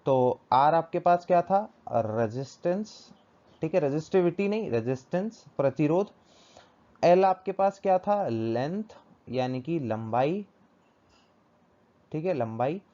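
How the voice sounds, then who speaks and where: A man's voice: fairly high pitch, expressive, measured pace, dark tone. A male teacher giving a physics lesson, asking questions and answering them himself, repeating key terms. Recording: dull lo-fi recording.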